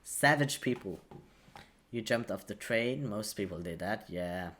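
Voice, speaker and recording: Guy doing casual playthrough commentary, slow and halting, kinda low voice, some noise behind him. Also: animated, fairly bright tone. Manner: hesitant, thinking aloud. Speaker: gaming commentator.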